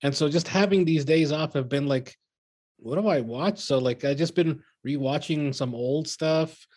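A man's voice: a little high, moderate pace, darkish tone. A man co-hosting and moderating a sports podcast in informal, meandering casual chat.

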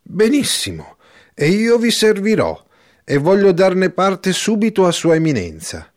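A man's voice: high voice, huge pitch swings, a little slow, darkish tone, voice pushed up, full character voice. A man reading the part of a timid, fretful older village priest, talking in fussy, rambling bursts. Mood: relieved. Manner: fussy, rambling, emphatic exclamations. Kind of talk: audiobook character reading.

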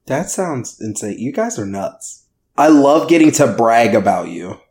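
A man's voice: medium pitch, big pitch swings, a little slow, creaky, darkish tone. A man co-hosting a casual podcast chat, joking and laughing often. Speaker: podcast co-host.

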